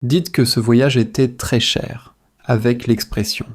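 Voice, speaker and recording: Serving as a teacher for shadowing practice, a man reads language drills phrase by phrase, measured and repetitive. He speaks in a mid-range voice with fairly even intonation.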